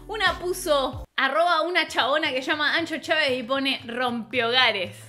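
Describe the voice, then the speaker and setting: A young woman with a Rioplatense accent, high-pitched and bright, telling an embarrassing story in a casual vlog. She talks in an animated, slangy, self-mocking way. Faint music sits under her voice. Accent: Rioplatense Spanish. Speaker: vlogger.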